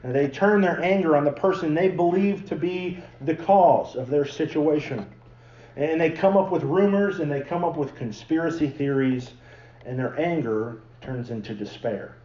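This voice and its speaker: A man's voice: a little high, normal speed, mellow, reverberant, lo-fi sound. A man preaching a sermon, telling the story in a chatty way and acting out the people in it. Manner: conversational storytelling, acting out the characters. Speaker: pastor. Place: church sanctuary.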